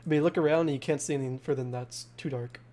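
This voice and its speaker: A man narrating a tabletop game as game master, describing scenes in a halting way full of fillers. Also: medium pitch, steady tone, noisy background.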